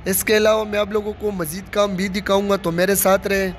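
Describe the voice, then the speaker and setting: High-voiced man touring a stadium site. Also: flat delivery, a little fast, a little hiss or hum. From Pakistan. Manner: plain running commentary, repeats phrases. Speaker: vlogger giving a site tour. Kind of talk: casual walking tour narration. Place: outdoors in a large stadium under construction. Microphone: phone camera held by the speaker.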